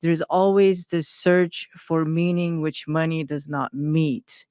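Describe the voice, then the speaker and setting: Interview guest: woman from Iran, hesitant delivery, smooth tone, dry close recording. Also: low voice, steady tone, slow, mellow, no room sound. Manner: hesitant, many fillers and restarts. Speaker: guest, intuitive consultant. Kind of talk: personal interview talk.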